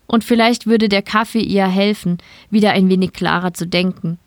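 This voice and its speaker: A woman narrates a short story in a calm, measured reading voice. Her pitch sits in an ordinary middle range. The sound is close and dry, with no room to speak of. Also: dry recording. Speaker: story reader. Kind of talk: scripted narration.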